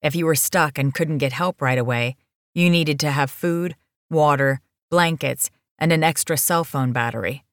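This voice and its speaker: A woman narrating an audiobook in a measured, even manner. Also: low voice, no echo, clean studio sound.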